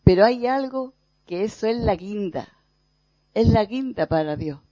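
Slow spiritual teacher, dull dry recording. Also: mid-range voice, animated, no echo. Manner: slow, thoughtful, with pauses and soft repetitions. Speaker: preacher.

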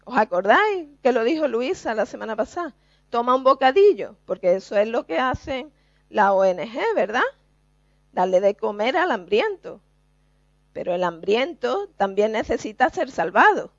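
A woman's voice: fairly high pitch, sing-song, dry recording, dull audio. A woman preacher giving an earnest, emphatic sermon to her congregation. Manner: earnest, slow and emphatic, addresses the congregation directly.

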